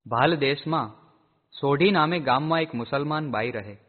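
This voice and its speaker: A man narrating a devotional storybook in a slow, measured reading. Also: fairly high pitch. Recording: echoey, tinny phone-like sound.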